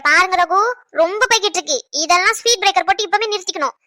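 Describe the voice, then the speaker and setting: A woman plays a young expectant wife in a cartoon, jealous of her unborn daughter and teasing her husband. The voice is very high and rapid, with a dry, close sound. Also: pushed and bright, no room sound. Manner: playful, scolding, then tender.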